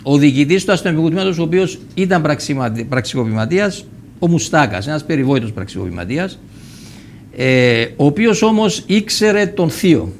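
A man's voice: fairly high pitch, expressive, a little hiss or hum. An older man from Cyprus, a guest telling a personal story in a TV interview and acting out the dialogue as he goes. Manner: vivid storyteller who acts out quoted dialogue, with frequent restarts.

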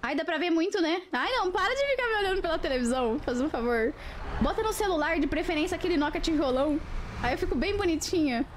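A woman's voice: extremely high pitch, animated, fast talker, background noise. A woman, chatting playfully with viewers on a live stream through a webcam, teasing and giggling.

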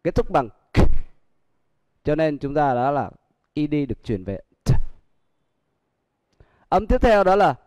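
A man's voice: fairly high pitch, sing-song, measured pace, long pauses, a little mellow, slight background noise. A male teacher with a Vietnamese accent giving a livestream pronunciation lesson. He repeats each example word several times. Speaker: English teacher.

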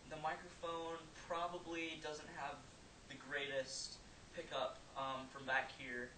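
Man, far from mic, bright tone, casual product test, faint background noise. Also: medium pitch, roomy sound. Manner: speaking from far away from the mic. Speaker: microphone reviewer. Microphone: on-camera and shotgun mics at a distance.

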